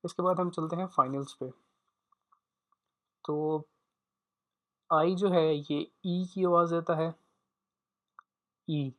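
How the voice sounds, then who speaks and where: Slow, deliberate male language teacher. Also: fairly high pitch, steady tone, a bit bright. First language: Urdu. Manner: slow, deliberate, repeats each sound for practice. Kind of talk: pronunciation lesson.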